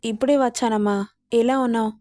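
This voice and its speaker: A man's voice: very high voice, fairly even intonation, brisk, a little mellow. A woman voicing a nervous young man, a loyal friend and brother, who talks in a flustered, pleading way. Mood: worried.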